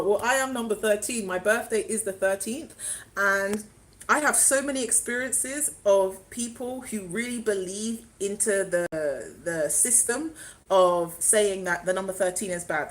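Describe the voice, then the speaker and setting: A woman's voice: mid-range voice, moderate pace, rough recording. A young woman chatting casually on a live stream, rambling and answering viewer comments as they come in. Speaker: spiritual vlogger doing a live stream.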